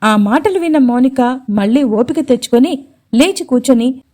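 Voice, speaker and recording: A woman narrating an audiobook drama in an expressive storytelling manner. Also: sits high, moderate pace. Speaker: voiceover artist. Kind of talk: scripted audiobook narration with character voices.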